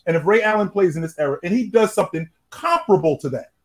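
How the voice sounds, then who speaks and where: A man's voice: high-pitched, animated. A man on a debate panel trying to cut in, stumbling over his words as he builds his point. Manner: halting, tries to cut in. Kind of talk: heated debate.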